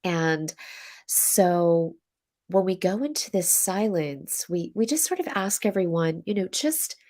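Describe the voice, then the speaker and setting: An American woman from the USA, a coach appearing as a podcast guest, tells a long story full of fillers and restarts while her nose is stuffy from a cold. Her voice is fairly low and warm, with lively intonation and a slow pace.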